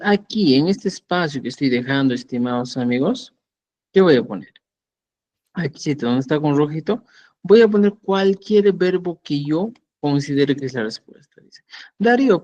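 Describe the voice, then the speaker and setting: A man's voice: on the high side, darkish tone, dull audio. A man teaching a language lesson, patiently repeating words and often checking that his students follow.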